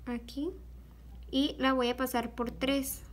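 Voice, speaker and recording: A young woman with a high voice walks viewers through a beading project step by step. She talks slowly and patiently, pausing on fillers while her hands work. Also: little pitch movement. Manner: slow, patient, with many fillers like "este". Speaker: beadwork tutorial host. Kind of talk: step-by-step craft tutorial.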